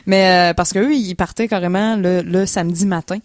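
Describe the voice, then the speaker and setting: A woman's voice: lowish voice, steady tone, normal speed, no echo, clean studio sound. A young woman with a Quebec French accent, chatting as a guest on a radio show, full of fillers and restarts. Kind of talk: casual radio chat.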